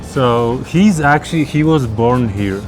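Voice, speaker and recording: A man's voice: medium pitch, expressive, measured pace. A man hosting a travel vlog, talking in a casual, chatty way, outdoors in a city. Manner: chatty, full of "like" and "you know" fillers. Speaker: travel vlogger host. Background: background music.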